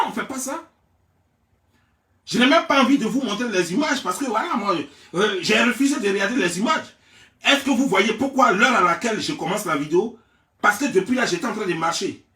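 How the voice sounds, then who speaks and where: Man, Ivorian French accent, high-pitched, sarcastic gossip rant, echoey room. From Côte d'Ivoire. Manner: theatrical and sarcastic, often shouting. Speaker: gossip vlogger. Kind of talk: mocking gossip rant to camera. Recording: roomy, mic at a distance.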